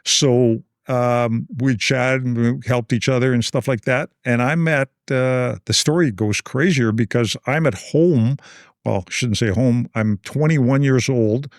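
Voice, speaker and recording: A man in his sixties from Canada, a guest telling animated anecdotes in a casual interview and acting out other people's lines. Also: mid-range voice, a little slow, dry recording, clean studio sound.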